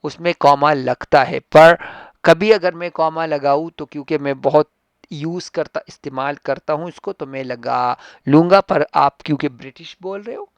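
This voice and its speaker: Male tutor, from Pakistan, mid-pitched gravelly voice, patient explainer, dry close-mic lesson recording. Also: no echo, dull audio. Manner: explains patiently, reads English sentences slowly and emphatically. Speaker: English teacher. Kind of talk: classroom-style textbook lesson.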